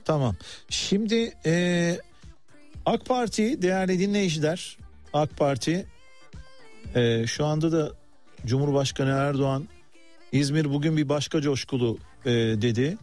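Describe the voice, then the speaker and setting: A man's voice: fairly high pitch, measured pace, long pauses, darkish tone, faint music behind. A man presenting live radio news with commentary, addressing listeners in a hesitant, conversational way and turning to colleagues mid-broadcast.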